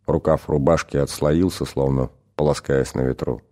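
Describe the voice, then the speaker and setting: A male audiobook narrator with a very low, dark and mellow voice. He reads the text in a measured, dramatic way, letting each scene unfold steadily. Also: steady tone. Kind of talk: scripted narration.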